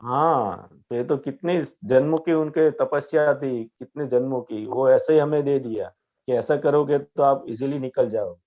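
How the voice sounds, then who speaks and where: A man's voice: medium pitch, measured pace, dark tone. Patient Gujarati-accented man teaching. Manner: patient, repeats "understood?" checks. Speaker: spiritual teacher. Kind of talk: gentle satsang teaching.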